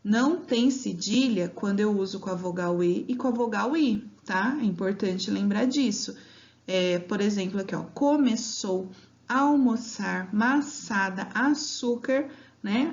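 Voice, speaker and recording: A woman with a medium-pitched, darkish voice gives children a grammar lesson in a dull, lo-fi home recording. She's patient, stretching words out syllable by syllable and checking in often with "né?" and "tá?".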